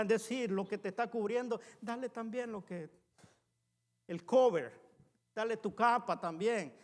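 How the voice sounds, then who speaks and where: High-voiced male pastor in reverberant hall. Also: a bit bright. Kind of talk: sermon. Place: church sanctuary.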